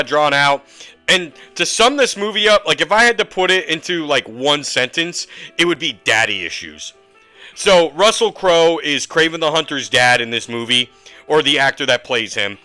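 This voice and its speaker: A man's voice: on the high side, expressive, normal speed, pushed and bright, no room sound, faint music behind. A man giving a casual, rambling movie review rant with lots of fillers and frank asides. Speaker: host.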